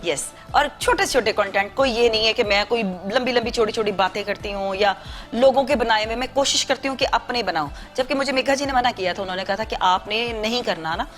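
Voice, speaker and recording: A woman guest on a festive TV talk show from Pakistan, lively and teasing, laughing a lot as she tells stories. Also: a little high, fairly quick, soft background music. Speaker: studio guest, singer and actress. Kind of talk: casual chat on a TV show.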